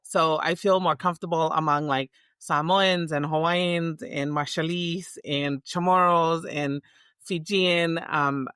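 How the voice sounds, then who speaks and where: A woman's voice: sits low, fairly even intonation, a little slow, a bit bright, smooth, dry recording, clean studio sound. A middle-aged woman from Tonga, a guest in a casual interview, talking reflectively with many restarts and fillers.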